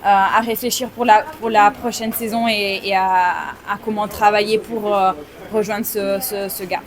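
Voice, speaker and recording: A woman's voice: mid-range voice, little pitch movement, a little slow. A woman in her twenties, an athlete and native Italian speaker with a slight Italian accent, talking in a hesitant way and searching for her words after a race. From Italy. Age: 20s. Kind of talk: post-race interview. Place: outdoors at a stadium. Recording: crowd noise behind.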